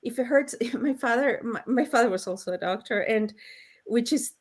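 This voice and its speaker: On a video call, a woman hosts a casual panel chat, telling stories and laughing often. Her voice is a little high, at a moderate pace.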